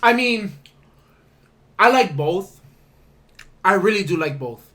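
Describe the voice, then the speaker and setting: A man's voice: high-pitched, expressive, takes it slowly, sharp tone. A man from Hawaii chatting like a brash frat bro on a podcast, slangy and profane. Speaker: podcast co-host. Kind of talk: casual group podcast chat.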